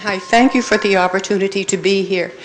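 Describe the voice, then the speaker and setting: A woman from New England's Upper Valley giving a measured public comment at a town meeting, pausing with uhs. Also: medium pitch, fairly even intonation, a little hiss or hum, rough recording. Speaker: resident making a public comment.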